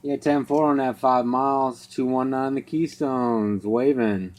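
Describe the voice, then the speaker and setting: A man's voice: medium pitch, steady tone, measured pace. Man on CB radio, clipped trucker-style call phrases, static behind the voice. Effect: CB radio transmission. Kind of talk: CB radio chatter with trucker lingo. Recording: hissy CB radio transmission.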